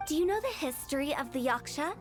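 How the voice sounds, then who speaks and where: In English video game voice acting, a woman plays a confident, theatrical young funeral director, earnest and storytelling in mood. Her voice is high and animated at a quick pace, with game music playing behind her.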